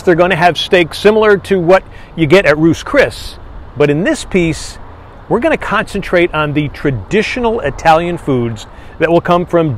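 A man's voice: a little high, slight background noise. A man in his fifties hosting and narrating a scripted local TV report. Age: 50s. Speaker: reporter and host. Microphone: lapel mic.

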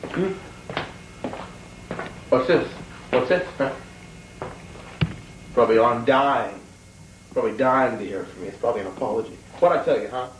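A man's voice: medium pitch, expressive, moderate pace, pauses often. Ranting man in an echoey room. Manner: indignant ranting, stammering. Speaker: sketch show host. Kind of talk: mock-serious comedy monologue. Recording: echoey, distant, slightly noisy room.

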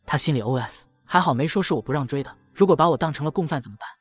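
A man narrating a comic recap in a brisk storytelling manner. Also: fairly high pitch, expressive, slightly rough, no room sound, soft background music.

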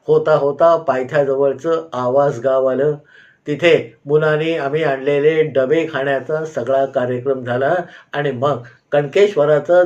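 A man telling a personal school memory in an unhurried way, often pausing to explain himself with asides. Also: fairly high pitch, a little mellow. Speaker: storyteller. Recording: slightly dull, lo-fi sound.

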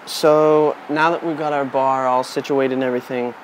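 Poor outdoor camera audio with steady background noise captures a man in his twenties on a wooden porch giving an unscripted, casual hands-on DIY demonstration. His mid-range voice moves at a moderate pace.

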